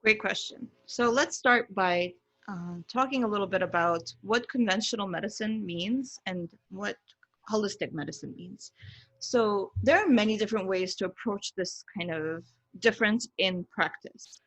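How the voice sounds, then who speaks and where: A pediatrician appears as a podcast guest, explaining things earnestly and deliberately while leaning on key words. Her medium-pitched, fairly bright voice is recorded dry, with hardly any room sound and no echo.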